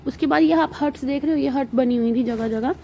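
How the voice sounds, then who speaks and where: A woman with an Indian accent talks over her family travel footage in an easy, rambling way, pausing often on small fillers. Her voice sits a little high but sounds warm and mellow. A faint hiss of noise runs under the recording. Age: adult with young children. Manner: chatty, relaxed storytelling with many fillers. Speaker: vlogger.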